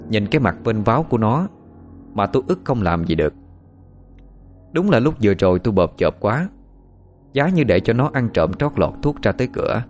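A man narrating a first-person story in a steady, calm storytelling manner. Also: on the low side, brisk, long pauses.

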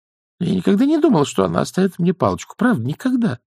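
A man voicing a timid but stubborn young woman witch who squeaks and falters. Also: huge pitch swings, quick pace, vocal fry, darkish tone, husky, dry recording, clean studio sound, exaggerated voice. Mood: pleading.

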